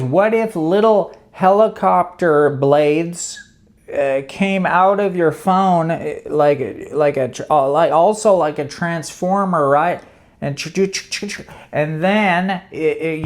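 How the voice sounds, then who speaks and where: A man's voice: a little high, a little mellow. A man hosting his own channel, talking through ideas in a casual, meandering way, often stopping and restarting his sentences. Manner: meandering, hesitant, many restarts. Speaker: channel host. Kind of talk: casual brainstorming monologue.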